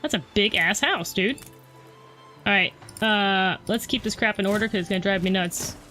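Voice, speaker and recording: A woman's voice: mid-range voice, moderate pace, sharp tone, soft background music. Chatty woman narrating her own gameplay. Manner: chatty, self-deprecating, talks to viewers. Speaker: let's play host. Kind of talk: casual gameplay commentary.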